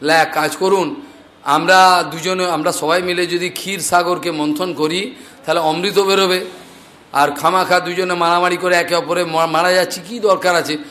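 A man doing a humble envoy, polite and flattering, pressing his case in a high voice. Spoken as part of a devotional story. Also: moderate pace. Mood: persuading. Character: humble male god-envoy flattering a demon king.

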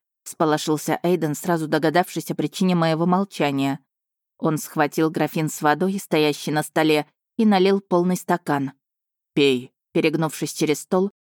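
Low-voiced woman narrating an audiobook. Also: normal speed, no room sound, studio quality. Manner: calm, even first-person storytelling. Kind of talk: audiobook narration of a romance novel.

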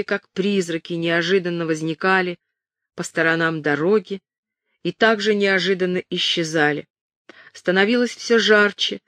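Woman narrating an audiobook, lowish voice, measured. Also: fairly bright tone, dry recording, studio quality. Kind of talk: scripted narration.

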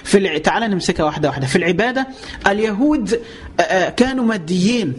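Egyptian man, religious teacher, quick delivery, high-pitched voice, rhetorical questions, pious asides. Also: slightly rough. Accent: Egyptian Arabic. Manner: lively explanation with rhetorical questions and frequent pious exclamations. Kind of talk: explaining scripture in a recorded lesson.

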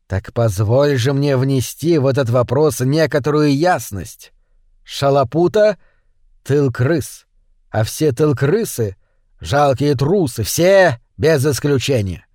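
A man's voice: medium pitch, expressive, slow, a little mellow, no echo, clean studio sound. A man playing a cruel, short bullying master who barks and sneers at his servant. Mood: sneering. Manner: barking, sneering and mocking.

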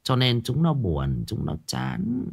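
A man's voice: lowish voice, very animated, normal speed. A man voicing a fierce old village grandmother who scolds sharply. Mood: grumbling. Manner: scolding, gruff.

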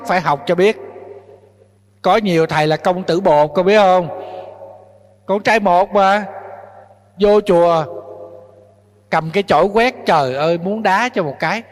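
A man's voice: high-pitched, moderate pace, big-room sound. A male Buddhist monk giving a dharma talk to young followers, scolding and urging them on with rhetorical questions.

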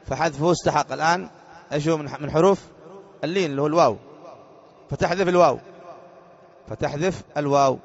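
A man's voice: on the high side, vocal fry. A man teaching a grammar lesson as a sheikh, repeating each point and putting short questions to his students. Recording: dull lo-fi lecture recording.

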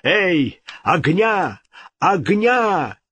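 A man voicing a frightened, excitable middle-aged king who pleads in a shrill voice and then barks commands. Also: a little slow, slightly rough, no room sound, full character voice. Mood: angry commanding. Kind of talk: audiobook character voice.

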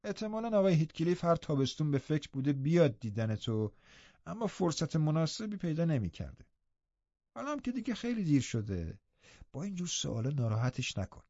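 A man voicing a kindly, patient middle-aged housekeeper woman who speaks gently and reassuringly. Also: fairly high pitch, big pitch swings, no room sound, lo-fi sound, voice pushed up. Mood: soothing, firm.

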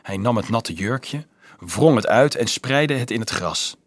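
A man reading a novel aloud as an audiobook narrator, expressive and shifting his voice for the characters. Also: lowish voice, a little slow, no echo.

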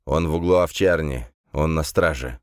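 A man's voice: extremely low pitch, moderate pace, dry recording, clean studio sound. A man reading aloud, voicing a tired middle-aged gendarme who repeats himself mechanically and lectures. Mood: admonishing. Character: weary middle-aged male gendarme, repetitive and fussy.

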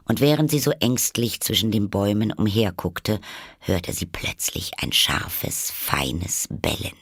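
Gravelly, low male storyteller. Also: sing-song, unhurried, fairly bright tone, dry recording, studio quality. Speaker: audiobook reader. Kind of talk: storybook narration.

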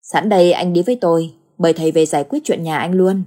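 A woman voicing a calm, serious older village man who speaks in a steady, reassuring way. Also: on the low side, fast talker, natural voice.

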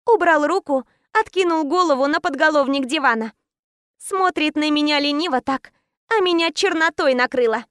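A woman's voice: high voice, normal speed, fairly bright tone, dry recording, studio quality. A woman narrating a first-person romance audiobook in intense, clipped short phrases.

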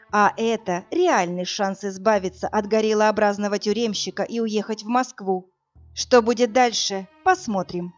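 A woman's voice: medium pitch, highs cut off. Woman narrating a crime audiobook. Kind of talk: first-person crime novel reading.

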